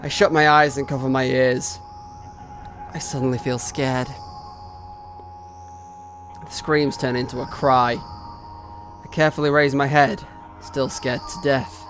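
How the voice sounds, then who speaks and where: A man's voice: medium pitch, soft background music. Man reading a game dramatically. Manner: slow, expressive reading that rises into anxious cries. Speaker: streamer reading a visual novel aloud.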